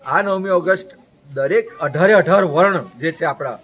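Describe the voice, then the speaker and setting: A man's voice: sits high, moderate pace, fairly bright tone, breathy edge, poor audio. A man from Gujarat, an interview guest, delivering an earnest, preachy message and repeating his points in long lists.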